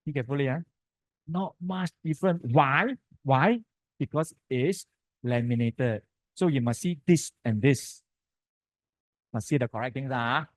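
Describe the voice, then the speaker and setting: A man's voice: mid-range voice, a little slow, long pauses, no room sound. A man with a Malaysian accent giving an informal technical lecture in punchy, colloquial phrases full of sentence-final particles. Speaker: lecturer presenting to architects.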